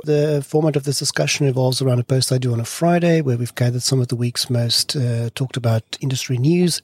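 A man with a husky, slightly rough voice at a middle pitch hosts a news discussion podcast. He speaks conversationally, recorded dry and close. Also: a little mellow, no room sound. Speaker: podcast host.

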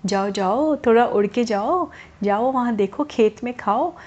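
A woman's voice: a little high, unhurried, darkish tone, dull audio. A woman voicing a persuasive female chakor bird in a children's storybook tale, coaxing her friend. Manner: coaxing, enthusiastic.

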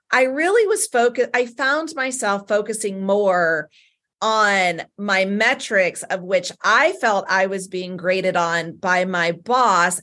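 A woman's voice: on the low side, a bit bright. A woman with a Southern US accent cohosting a nonprofit talk show, chatting casually and leaning on "you know" fillers. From American South. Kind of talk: casual advice chat.

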